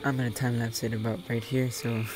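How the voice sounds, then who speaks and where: A young man giving casual gameplay commentary in a halting mutter. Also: mid-range voice, flat delivery, noisy background. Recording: loud game music behind.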